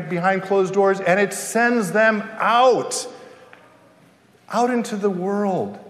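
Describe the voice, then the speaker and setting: High-voiced male preacher in an echoey hall. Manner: emphatic, rhetorical questions and dramatic pauses. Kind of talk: sermon to a congregation. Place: large reverberant room, preaching live. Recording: echoey hall with long reverb.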